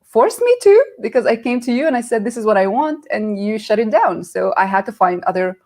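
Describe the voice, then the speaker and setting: Lively woman telling her story. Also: a little high, brisk. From Nazareth. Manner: animated, acts out quoted voices. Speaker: guest. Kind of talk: casual interview storytelling.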